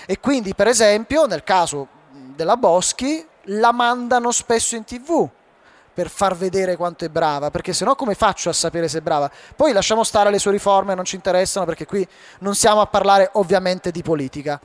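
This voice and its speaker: A man giving a live talk on public speaking to an audience, animated and asking them rhetorical questions. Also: high voice, moderate pace. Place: hall before a live audience.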